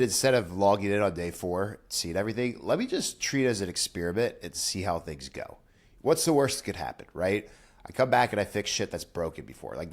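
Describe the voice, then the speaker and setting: A low-voiced man who owns a business vlogs casually straight to camera, sounding stuffy, nasal and congested after nose surgery. He's candid and rambling, with frequent fillers and restarts.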